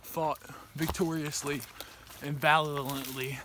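A man's voice: fairly high pitch, flat delivery, slow, bright, forceful tone, a little hiss or hum. A young man talking to an action camera in the woods near a pond, in a playful, mock-grand way. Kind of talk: casual outdoor chat. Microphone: action camera held close.

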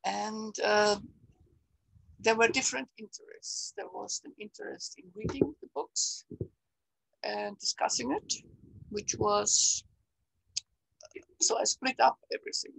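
An older woman with an Austrian German accent talks on a video call. Her voice is gravelly and husky, and the sound is dry and close. She speaks reflectively, often pausing on fillers. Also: fairly high pitch, a bit bright, dry recording, rough recording. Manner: reflective, halting with many fillers. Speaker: interview guest, salon organizer. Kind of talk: casual conversation on a video call. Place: bright room at home. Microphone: webcam on a video call.

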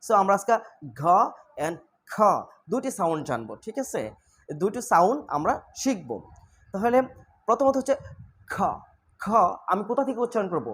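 A woman teaching English pronunciation, drilling sounds slowly and repeating them for practice. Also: medium pitch, very animated, breathy edge. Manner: slow drilling of sounds, mixing Bengali and English. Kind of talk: spoken English lesson. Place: indoor room with a fan running.

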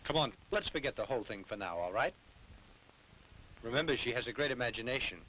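An actor playing a calm, earnest doctor and father in a 1950s dubbed film. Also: medium pitch, a little fast, a little hiss or hum, poor audio. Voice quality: earnest, reasoning. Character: calm male doctor, worried family father.

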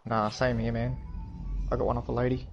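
A man's voice: medium pitch, little pitch movement, fairly quick, muffled recording, faint music behind. A man bantering and teasing his mates while gaming on a live stream. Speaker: gamer. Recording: loud background noise.

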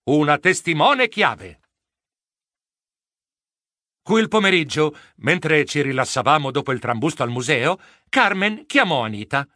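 A man narrating a children's audio story in first person, expressive and animated. His voice is bright and a little high, with wide pitch swings, in a dry studio sound. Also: measured pace, long pauses, dry recording.

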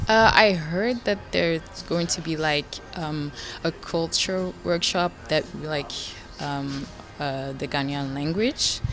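A young Belgian woman, a pageant contestant, answers interview questions hesitantly and with plenty of fillers while seated on a sofa in an indoor lounge. Her voice is low and fairly bright, and she speaks slowly with hardly any pauses. Music plays in the background.

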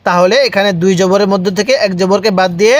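A man teaching Quran recitation step by step, spelling out letters and vowel marks, then reciting slowly and asking viewers to repeat after him. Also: high-pitched, level tone. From Bangladesh. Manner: asks viewers questions, then answers them himself.

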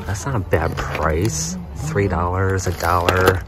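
Low, slow-talking man at a flea market. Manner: murmurs excited remarks on items and prices. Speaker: vlogger shopping a flea market. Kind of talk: casual running commentary while browsing. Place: outdoor flea market on a grassy field. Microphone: handheld phone camera, first-person view. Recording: loud outdoor background noise.

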